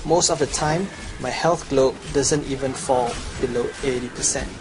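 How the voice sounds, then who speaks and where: A young man with a Chinese accent, medium pitch, and moderate pace does a promotional gameplay voice-over for a gold guide. He boasts as he lists off his gear and stats.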